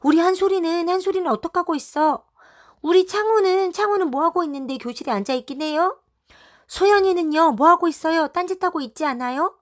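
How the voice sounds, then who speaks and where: A woman voicing a group of anxious young mothers who chatter in excited, high voices. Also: fairly quick, few pauses. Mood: flustered.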